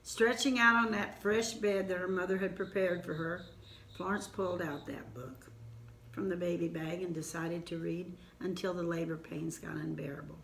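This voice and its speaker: An older woman with an Ozark accent telling a family story in an unhurried, homespun way, with asides. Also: lowish voice, steady tone, creaky, a bit bright, roomy sound, slight background noise.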